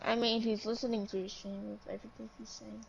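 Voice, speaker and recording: A woman's voice: fairly high pitch, flat delivery, quick pace, creaky, slight background noise. Young woman on muffled call audio. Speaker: friend on call. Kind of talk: casual chat while gaming.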